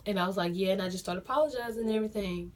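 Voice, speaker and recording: A woman's voice: medium pitch, rapid-fire. Young woman, casual storytime vlogger, talks straight to viewers, repeats lines for emphasis. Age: young adult. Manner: chatty, addresses viewers as y'all, repeats phrases for emphasis.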